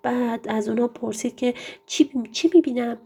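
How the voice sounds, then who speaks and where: A woman reading a children's storybook aloud in a gentle way, often restarting phrases. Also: fairly high pitch, gravelly, husky. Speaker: reader.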